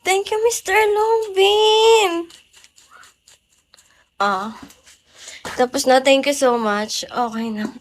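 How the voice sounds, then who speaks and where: Young girl livestreaming, super high squeaky voice, slow drawn-out words, breathless and giggly. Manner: excitable, squealing, laughing, mixing English and Tagalog. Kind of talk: live stream chat thanking viewers.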